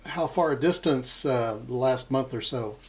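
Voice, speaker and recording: On a muffled, very noisy home recording, an American man with a mid-range voice chats casually as an amateur radio operator. He sounds measured and a little hesitant.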